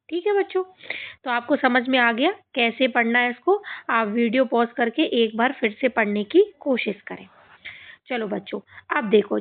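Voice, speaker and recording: Slow, patient woman teacher on a tinny line. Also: on the high side. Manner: patient, repeats each word slowly and quizzes the kids. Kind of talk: spoken English reading lesson for children. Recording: tinny phone-like sound.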